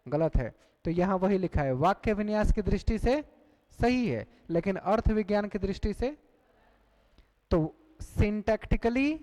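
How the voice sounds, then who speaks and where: Guy teaching an exam prep class, high-ish voice, keeps asking the students stuff and repeating it. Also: a little mellow, rough recording. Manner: questioning the class, repeating key points.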